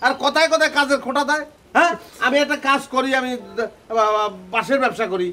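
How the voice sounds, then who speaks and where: A man's voice: extremely high pitch, fast, pushed and bright. An actor playing a lazy, sleepy grown son in a comedy drama, who complains defensively to his father. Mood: complaining.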